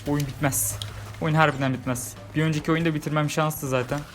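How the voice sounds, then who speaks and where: A man with a slightly high voice talks through a platform game he is playing, grumbling, joking and repeating his complaints. Faint game music runs under his commentary. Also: steady tone, quick pace. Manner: frustrated, repeats himself, jokey complaints. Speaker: gaming YouTuber. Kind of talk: casual let's-play commentary.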